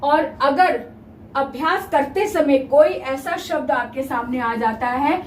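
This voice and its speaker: A woman's voice: high-pitched, far from the mic, slight background noise. A woman teacher giving a grammar lesson, spelling out words sound by sound. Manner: slow, spells out each sound step by step. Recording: roomy echo, voice from afar, faint ambience.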